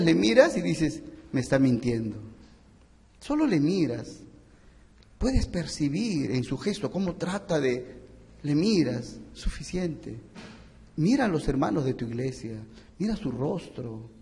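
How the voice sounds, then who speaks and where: High gravelly Peruvian preacher in a hall. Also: male voice. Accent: Peruvian Spanish. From Peru. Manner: swings from hushed, slow pleading to loud, high-pitched retelling. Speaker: pastor. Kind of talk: sermon.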